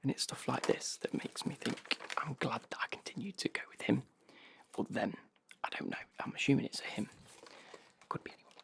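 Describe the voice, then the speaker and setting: Male ASMR host, breathy whisper with fry, rambling casual unboxing chat. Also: mid-range voice, sing-song, moderate pace, fairly bright tone, no echo. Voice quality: breathy whisper with creaky edges.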